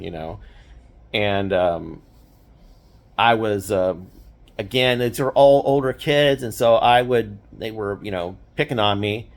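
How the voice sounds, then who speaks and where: An older man casually telling a childhood story, rambling with many fillers. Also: lowish voice. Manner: rambling, lots of "you know" fillers.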